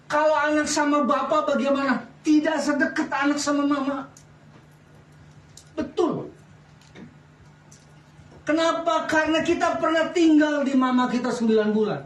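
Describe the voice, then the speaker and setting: A middle-aged man preaching a sermon as pastor, lively, often asking the congregation questions. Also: very high-pitched. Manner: lively preaching with wide swings in loudness, asks the congregation questions. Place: church. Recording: echoey church sound from a distance.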